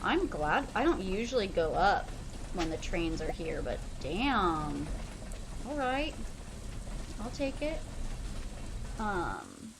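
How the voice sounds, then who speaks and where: A young woman streams a game and chats casually as she plays, rambling loosely and using lots of fillers. Her voice is medium-pitched, and the background is noisy.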